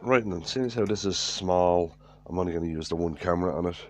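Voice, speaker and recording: An Irish man with a head cold narrates plainly and matter-of-factly while working in his woodturning workshop. His low-pitched voice moves quickly, with loud music and workshop noise behind it.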